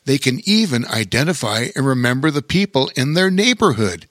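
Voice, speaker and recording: A man voicing a kindly bear king who speaks slowly and gently, explaining things. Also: medium pitch, sing-song, no room sound, studio quality. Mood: gentle.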